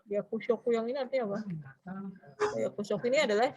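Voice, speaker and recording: A woman's voice: on the high side, steady tone, fast, darkish tone. A woman with an Indonesian accent teaching a business Japanese class, explaining in Indonesian and quizzing her students.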